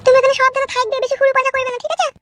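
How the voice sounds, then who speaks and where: A woman's voice: extremely high pitch, level tone, racing, a bit bright, voice pushed up. A woman voicing a fussing young village wife, in a comedy skit.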